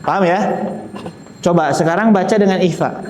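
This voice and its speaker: A man's voice: high voice, moderate pace, darkish tone, a little hiss or hum. A man teaching Quran recitation, patiently explaining and modelling sounds for students to repeat. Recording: echoey room.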